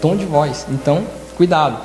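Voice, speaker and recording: A man's voice: a little high, normal speed, darkish tone, soft background music. A man preaching a sermon as a church elder, acting out different tones of voice in his examples. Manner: demonstrative, acts out tones of voice in quoted examples. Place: church hall. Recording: echoey hall with reverb.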